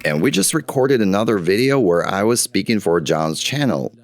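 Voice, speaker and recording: Male host, Russian accent, low-pitched, reading a prepared introduction to camera. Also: animated, normal speed. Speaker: channel host. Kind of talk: scripted video introduction.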